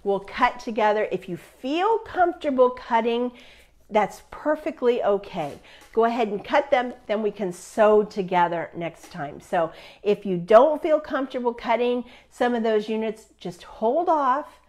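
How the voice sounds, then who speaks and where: A woman's voice: fairly high pitch, lively intonation, a little slow, darkish tone. A middle-aged woman teaching a live online quilting class in a chatty, upbeat way, laughing often.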